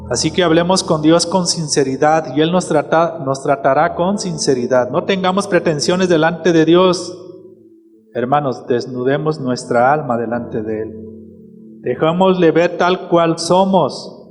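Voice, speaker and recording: A man's voice: a little high, unhurried. A man with a Mexican Spanish accent, a pastor preaching a sermon and putting rhetorical questions to his congregation. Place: church hall. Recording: reverberant church hall with music.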